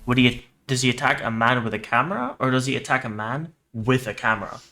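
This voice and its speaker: Talking a little fast in a sharp, mid-range voice, a man casually livestreams his reactions to horror videos, reading out captions and adding irreverent, sweary jokes.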